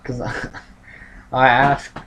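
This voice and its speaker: A man hosting a casual livestream, rambling and thinking aloud in a halting, self-correcting way. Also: medium pitch, level tone, fairly bright tone. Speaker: livestream host tracking a tropical storm. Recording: clear background noise, room ambience.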